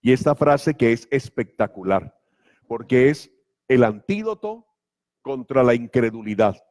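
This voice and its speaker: A man's voice: medium pitch, lively intonation, measured pace, darkish tone. A man preaching a sermon as pastor, emphatic and full of rhetorical questions. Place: church.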